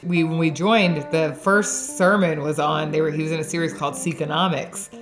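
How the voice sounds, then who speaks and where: Over background music, a Dallas-area Texas woman in her forties, the interviewee, tells the story of her faith. She speaks at a moderate pace in a low voice with fairly even intonation, keeping it chatty with frequent laughter and plenty of fillers.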